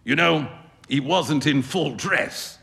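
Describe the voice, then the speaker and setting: On a stage in a reverberant live hall, a man reads a story aloud, doing a full character voice for a jovial male painter who teases his friend. His voice is a little high and slow, with vocal fry and a faint hiss or hum, and he sounds bright, hearty and amused.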